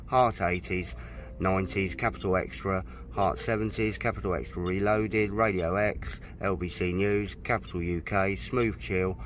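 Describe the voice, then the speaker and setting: A man with a fairly low voice, slightly marred by hiss or hum, gives a relaxed hands-on demo of his boat stereo. He's British, standing outdoors at a boat in a dry stack, and he talks in a chatty, unhurried manner while reading off menu items.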